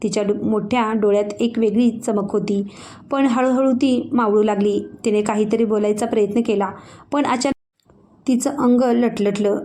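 A woman's voice: a little high, mellow. A woman narrating an emotional family story in a dramatic, heartfelt reading.

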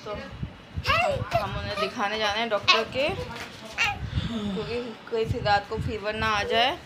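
A woman's voice: fairly high pitch, big pitch swings, a little slow, very noisy. A woman in her thirties chatting through her day in a casual home vlog, filmed on a phone held at arm's length. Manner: chatty, homely narration of daily chores. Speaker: family vlogger. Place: small home rooms and street, indoors and out.

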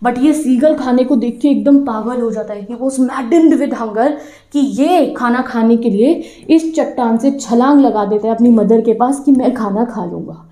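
A woman teacher retelling a story to her students in a lively way, asking them questions as she goes. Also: on the high side, a little slow, echoey room. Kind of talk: storytelling lesson explanation.

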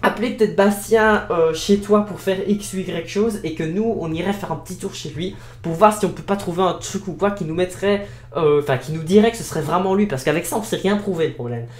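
A man's voice: sits high, fairly quick, few pauses. A man with a Belgian French accent improvising casual role-play dialogue in a colloquial, repetitive, talkative way. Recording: echoey room sound.

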